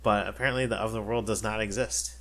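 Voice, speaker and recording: Male podcast co-host, lower register, loose rambling delivery with fillers and restarts. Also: steady tone, quick pace, a bit bright. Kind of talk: casual chat.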